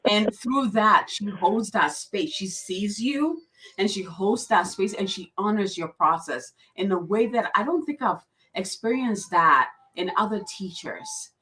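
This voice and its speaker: A woman's voice: mid-range voice, animated, measured pace, pushed and bright, a little hiss or hum, poor audio. A woman hosting a casual interview chat, effusive and heartfelt in her praise. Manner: effusive and heartfelt, gets emotional. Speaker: host.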